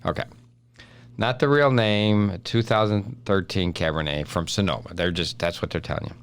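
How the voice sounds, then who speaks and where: A man's voice: low voice, fairly even intonation, normal speed, clean tone. A man with a Chicago accent, co-hosting a casual chat and reading wine descriptions aloud, often laughing and stumbling over words. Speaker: podcast co-host.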